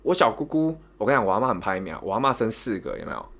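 Rapid-fire and creaky, a young man's lowish voice carries a Taiwanese Mandarin accent as he co-hosts a podcast and casually narrates a long story. He rambles and repeats words, becoming animated whenever he retells a moment.

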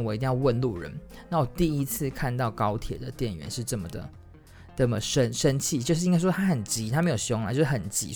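一位台湾国语口音的男生，随性地讲自己的经历，边说边改口，激动时声音一下拔高。. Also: male voice. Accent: Taiwanese Mandarin. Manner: rambling, frequent self-corrections and restarts; animated, jumps to high excited exclamations. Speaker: solo podcaster. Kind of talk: casual storytelling monologue.

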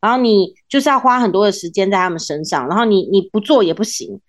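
A woman with a Taiwanese accent hosting a casual podcast chat in an expressive, playfully teasing way. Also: medium pitch, fast. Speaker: podcast host, former radio presenter.

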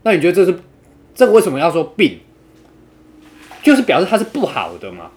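A man telling a dating story in casual chat, quoting others with animated, laughing delivery. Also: sits high, fast.

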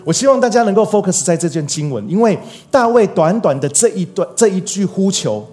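A man's voice: high voice, lively intonation, brisk, dark tone, soft background music. A male pastor giving a sermon in an earnest way, repeating key phrases for emphasis.

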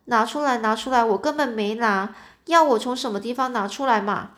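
A woman's voice: fairly high pitch, brisk, fairly bright tone, close to an everyday voice. Woman doing sulky young son swearing he didn't take it, defensive, storybook voice. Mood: defiant. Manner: defensive, pleading then defiant. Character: young man, sullen accused son.

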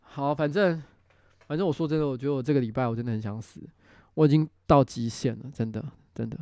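A man's voice: mid-range voice, fast, dark tone, slight background noise. A middle-aged man with a Taiwanese Mandarin accent hosting a casual livestream, talking candidly and rambling with restarts. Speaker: host and city councilor.

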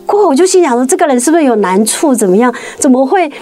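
A woman tells her faith testimony in an earnest, halting way, restarting and repeating words and climbing higher when the story gets tense. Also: very animated, mellow, faint music behind. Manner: rises sharply in pitch at tense moments. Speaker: guest sharing a faith testimony. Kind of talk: emotional personal storytelling.

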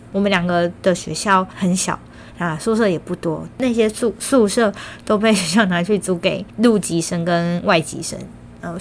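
A woman's voice: lowish voice, a little hiss or hum. A young woman with a Taiwanese Mandarin accent tells personal stories casually and chattily, with slightly slurred articulation from wearing braces. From Kaohsiung, Taiwan. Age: young adult. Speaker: vlogger.

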